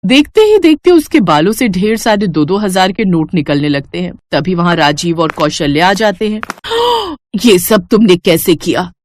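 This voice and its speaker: A woman storyteller giving calm scripted narration of a moral tale. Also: lowish voice, moderate pace, hardly any pauses, no room sound.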